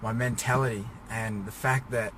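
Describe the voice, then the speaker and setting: Drained after a workout, a fitness vlogger preparing for a bodybuilding show sits in his car and rambles casually through a personal rant, tired but driving himself on. His voice is fairly low, steady and a bit bright, at a moderate pace, over noisy car-interior ambience.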